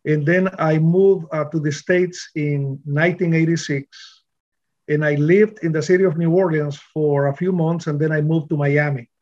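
A middle-aged man from Honduras, a pastor telling his testimony in an interview, earnest and full of pauses and restarts. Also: on the high side, steady tone, darkish tone, muffled recording. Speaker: pastor, guest.

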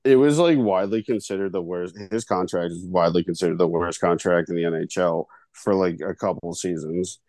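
A laid-back man with a very low voice co-hosts a casual podcast. His talk is loose and full of "like" and "dude". The recording is close and dry, with no room echo. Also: brisk, hardly any pauses, darkish tone. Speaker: podcast co-host. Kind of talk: casual chat.

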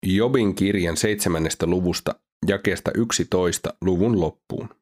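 A man with a very low voice reads scripture aloud. His delivery is steady and formal, like a scripted audiobook reading. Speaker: scripture reader.

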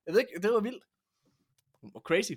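A man co-hosting a casual podcast chat, telling stories with lots of animation. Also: high-pitched. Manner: animated storyteller, acts out voices. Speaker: podcast co-host.

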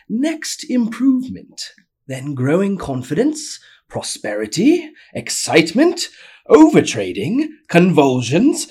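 A man doing a posh, high-pitched British gentleman. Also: breathy edge, heavily acted. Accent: put-on posh British.

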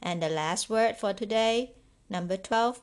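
A woman with as her language hosts a podcast lesson for learners. She speaks at a slow, deliberate pace in a medium-pitched voice, enunciating and repeating words in an instructional way. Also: clean tone. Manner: instructional, addresses listeners with prompting questions. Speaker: language teacher and podcast host.

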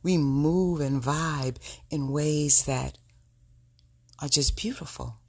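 A woman hosts a reflective solo podcast, speaking in a sultry, intimate way. Her husky, gravelly voice is full of creak, sits low and a little mellow, and she talks slowly and directly to her listeners.

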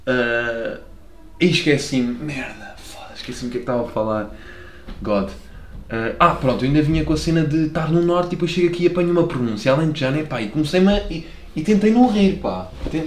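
A man's voice: medium pitch, darkish tone, roomy sound, slight background noise. A young man from Lisbon with a Lisbon Portuguese accent, chatting on his own podcast in a rambling, slangy, self-deprecating way and swearing freely. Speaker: podcast host. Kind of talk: casual solo podcast monologue. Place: room at home by a window.

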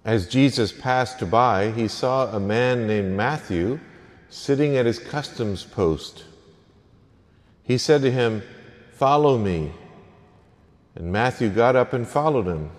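A priest at a church Mass, speaking at a middle, ordinary pitch. His earnest, plain preaching carries a long cathedral echo that rings around the church after each phrase. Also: animated, slow, pauses often. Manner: earnest, plain-spoken preaching with easy repeats. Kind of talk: gospel reading and homily at Mass. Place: church during an early morning Mass. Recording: long echoing church reverb.

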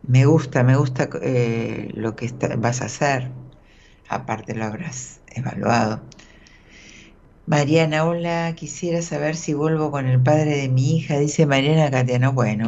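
An Argentine woman with an Argentine Spanish accent hosts a live call-in radio tarot show, giving advice in an informal, reassuring chat full of tag questions. Her voice is rumbling low and a little mellow, heard through dull, band-limited audio.

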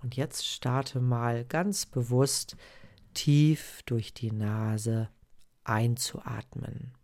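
A man speaking as a podcast host in the calm, instructive style of guided meditation and sleep-story narration, addressing a single listener. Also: medium pitch, extremely slow.

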